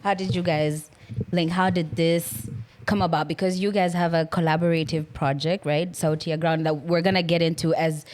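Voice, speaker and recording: Woman, Kenyan accent, lowish voice, podcast host, teasing, slangy, casual interview. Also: steady tone, normal speed, darkish tone.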